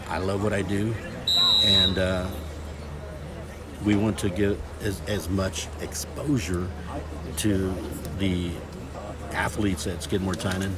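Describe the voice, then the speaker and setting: A middle-aged man with a lowish voice livestreams a football scrimmage from the field, loud, chatty and full of jokes. He records on a phone camera outdoors, with the crowd at the game audible in the background.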